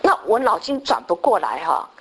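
A woman's voice: mid-range voice, sing-song, normal speed, fairly bright tone, breathy edge, low-quality recording. An older woman sharing a personal faith testimony, telling her story with many filler words and restarts and dropping in English words. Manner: sprinkles English words into speech. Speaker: church testimony speaker.

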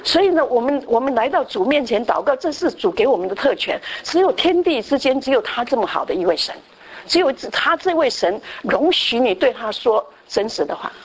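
A woman gives a sermon in a fairly high, breathy, husky voice. Her delivery is conversational: she tells a story, restarts her phrases and often checks in with her listeners. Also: big pitch swings, brisk. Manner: conversational, with frequent restarts and tag questions. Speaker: preacher.

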